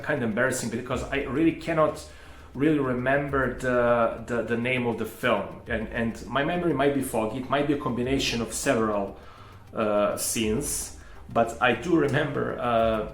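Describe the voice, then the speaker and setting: Hesitant man in his thirties. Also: mid-range voice. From Serbia. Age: 30s. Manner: hesitant, rambling with many restarts. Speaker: channel host. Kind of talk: casual personal storytelling. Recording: echoey room with faint music.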